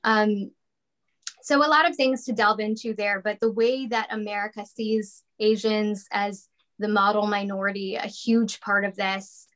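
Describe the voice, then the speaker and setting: A woman's voice: medium pitch, steady tone, unhurried, a bit bright. A woman moderating a panel discussion, talking conversationally and turning the talk to others with questions. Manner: conversational, asks follow-up questions.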